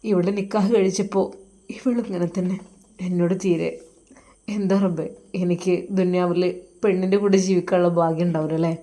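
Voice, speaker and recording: A woman's voice: fairly low pitch, level tone, natural voice. Woman voicing a heartbroken young cleric. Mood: grieving. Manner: sorrowful, halting, soft-spoken.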